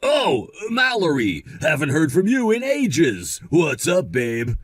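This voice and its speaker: A man's voice: fairly high pitch, very animated, slow, no echo, exaggerated voice. A laid-back young guy who speaks casually and with slang, his voice rising and falling freely, as a man acts him out. The sound is dry and close, with no room around it. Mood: easygoing.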